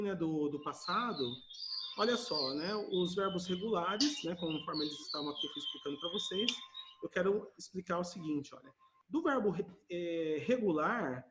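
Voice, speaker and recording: A man with a Brazilian Portuguese accent teaching English on a video call, patiently repeating words for his students to echo. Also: high voice. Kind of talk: online class teaching.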